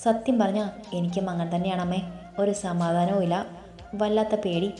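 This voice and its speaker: A woman's voice: medium pitch, steady tone, normal speed, warm tone, close to an everyday voice. A woman voicing an anxious, tearful young woman expecting a baby, pleading and sobbing in a storybook reading with faint music in an echoey room. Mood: worried. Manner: pleading, sobbing as she speaks.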